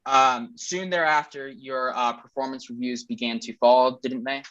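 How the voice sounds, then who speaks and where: Male mock-trial lawyer on a video call, mid-pitched, halting delivery, audio uneven and dropping out. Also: steady tone, a bit bright, muffled recording. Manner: halting, many ums and uhs. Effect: audio volume uneven, cutting out. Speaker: attorney questioning a witness in a mock trial. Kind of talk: courtroom cross-examination.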